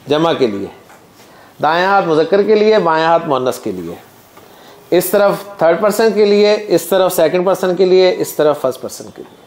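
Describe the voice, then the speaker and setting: A man's voice: on the high side, darkish tone. A man teaching Arabic grammar in a classroom, chanting word lists in a sing-song drill and explaining to his students.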